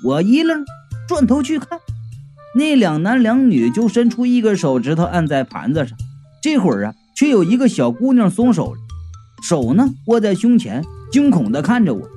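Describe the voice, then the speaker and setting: A man narrating a comic audiobook story in an animated, exclamatory way. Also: sits high, normal speed, soft background music.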